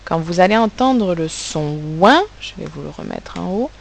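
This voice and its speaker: A woman teacher giving a recorded phonics lesson to children, articulating sounds and syllables slowly and with care. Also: lowish voice, expressive, gravelly, a little hiss or hum, low-quality recording. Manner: slow, carefully articulated, stressing sounds and syllables. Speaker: primary school teacher.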